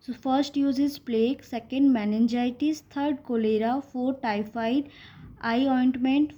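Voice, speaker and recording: A woman with an Indian accent teaching a pharmacy lecture, reading points slowly in English and explaining them in Hindi. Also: fairly high pitch, mellow. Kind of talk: classroom lecture. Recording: dull lo-fi audio.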